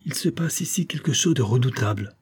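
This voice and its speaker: A man reading the lines of a calm, matter-of-fact man facing something uncanny, in an audiobook. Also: medium pitch, fairly quick, husky, pitched above the performer's own voice.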